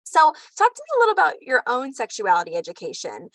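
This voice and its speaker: A woman's voice: fairly high pitch, huge pitch swings, fast, no echo. An American woman hosting a casual chat, asking curious questions in a bubbly way. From United States. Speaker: host.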